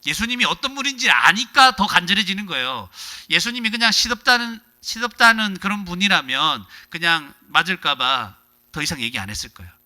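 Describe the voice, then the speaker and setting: Bright, animated Korean pastor preaching. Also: male voice, high voice, brisk. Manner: lively, acts out quoted voices, swings between loud and hushed. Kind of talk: sermon.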